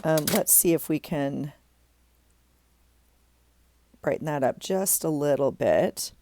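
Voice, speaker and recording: A middle-aged craft vlogger with a stuffy nose talks casually while working on a project. Her voice is low-pitched and mellow, her pace slow, and there's no room sound as she thinks aloud with plenty of ums and restarts.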